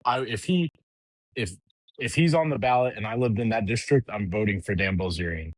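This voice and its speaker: A middle-aged podcast host with a very low, deep voice goes on a casual political rant, blunt, heated and full of swearing, often restarting his sentences. He talks fairly quickly, and the poor-quality audio is dry and close with no echo or room around it.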